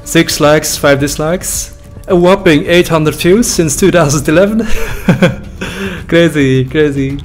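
Fairly high-pitched and slow, a young Belgian YouTuber with a Dutch-speaking accent gives reaction commentary on his old videos, joking, laughing and cursing casually. Faint music sits behind him as he speaks into a desk boom mic with headphones in a small room.

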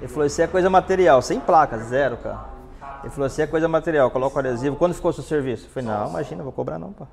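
A man's voice: a little high, racing, gravelly, crowd noise. A Brazilian man in his forties with a lapel mic, teaching a hands-on dent repair class in a large workshop, explaining and pointing at a car. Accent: Brazilian Portuguese. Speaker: paintless dent repair instructor.

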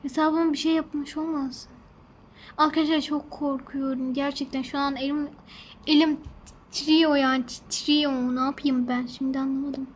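A woman's voice: high voice, little pitch movement, normal speed, a little hiss or hum. A woman hosting a gaming channel, talking to her viewers in a fretful, rambling way as she plays. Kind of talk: casual gameplay commentary.

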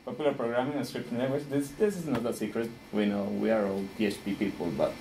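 A man in his thirties from Rica, speaking English, giving a friendly conference talk with frequent small laughs and pauses while he searches for words. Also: medium pitch, steady tone, slight background noise, low-quality recording. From Costa Rica.

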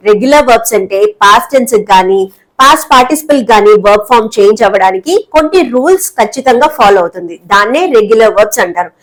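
A woman teaching an English lesson in Telugu, explaining words and repeating key terms slowly. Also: fairly high pitch, rough recording.

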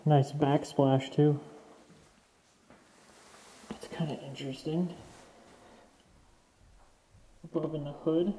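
A young Canadian man explores an abandoned mansion basement, speaking slowly in a warm, fairly high voice that stays steady in tone. Acting as urban explorer host, he chats casually and addresses viewers as "guys" throughout the walkthrough. The audio has a little hiss or hum, and the empty rooms echo.

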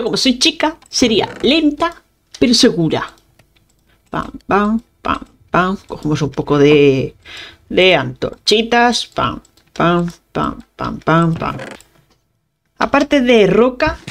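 A young woman hosting a gaming channel, chatting casually to her viewers as she plays and humming little sound effects. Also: medium pitch. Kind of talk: casual gameplay commentary.

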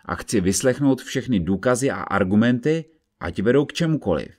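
A man voicing a stern, agitated judge who speaks in an insistent, forceful way in an audiobook reading. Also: medium pitch, lively intonation, close to an everyday voice. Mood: firm.

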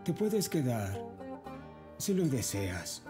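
Un actor de doblaje que interpreta a un esposo humilde que pregunta preocupado por su mujer. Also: male voice, mid-range voice, big pitch swings, takes it slowly, music in the background. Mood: concerned. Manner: concerned, questioning. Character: humble husband worried about his wife. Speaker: husband. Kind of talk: dubbed drama.

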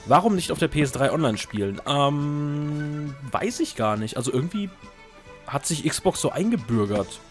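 Young man, gaming commentary, chatty, self-mocking, lively up-and-down voice, faint music behind. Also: on the high side, moderate pace. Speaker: let's play host.

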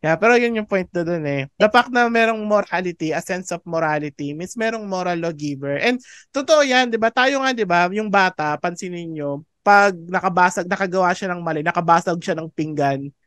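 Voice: mid-range voice, lively intonation, moderate pace, fairly bright tone, smooth, dry recording, clean studio sound. A theology teacher giving a conversational online lecture over a video call, mixing English into Tagalog, often checking with the class and laughing between points. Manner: chatty, mixes English into Tagalog, asks "di ba?" often. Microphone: video call microphone.

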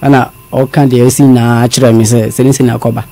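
A man from Ghana telling his story as a guest, halting and repeating words, mixing in English phrases. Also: mid-range voice, little pitch movement, dark tone. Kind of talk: confessional storytelling.

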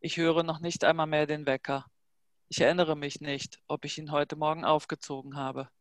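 A woman reading a novel excerpt aloud in a measured, hushed, dramatic way. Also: low-pitched, little pitch movement, no room sound. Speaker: reader of a translated novel excerpt. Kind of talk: literary reading.

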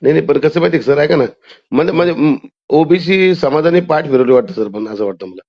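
Male caller, high voice, insistent and argumentative, dull phone-call sound. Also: animated, quick pace. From Maharashtra, India. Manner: insistent, talks over the other man. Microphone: telephone line. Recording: muffled phone call audio.

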